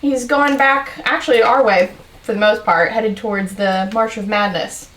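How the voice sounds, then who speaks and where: A woman's voice: fairly high pitch, moderate pace, a bit bright. A woman playing a tabletop game, chatting in character in a playful, giggly way. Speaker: player. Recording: echoey room, mic at a distance, faint noise.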